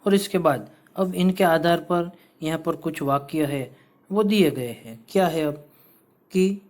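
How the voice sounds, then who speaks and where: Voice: medium pitch, darkish tone. A teacher explaining a school grammar lesson, asking the class questions, answering them, and repeating each example word. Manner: repeats example words slowly, syllable by syllable; checks in with frequent "theek hai".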